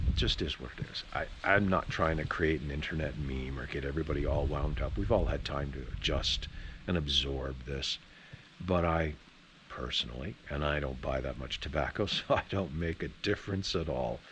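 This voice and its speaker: A man's voice: a bass voice, fairly bright tone, slight background noise. A man chatting casually to camera as a pipe tobacco vlogger, rambling along in an opinionated, folksy way. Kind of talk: casual rambling video chat.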